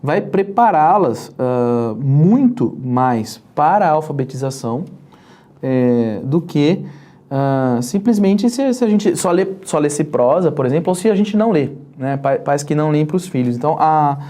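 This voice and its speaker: A podcast host who talks about children and poetry in a halting, conversational way and leads the guest with questions. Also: mid-range voice, lively intonation, warm tone. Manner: hesitant, many fillers and restarts, asks guided questions.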